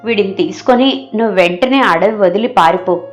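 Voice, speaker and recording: Woman voicing a soft-spoken village goddess. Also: mid-range voice, normal speed, faint music behind, natural voice. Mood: kindly. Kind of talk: storybook character voice.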